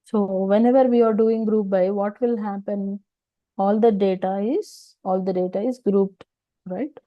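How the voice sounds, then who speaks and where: Casting: female instructor, South Indian accent, mid-pitched, explains step by step with rhetorical questions, dry muffled online-class sound. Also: steady tone, measured pace, no echo. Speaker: data engineering instructor. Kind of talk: informal technical lesson.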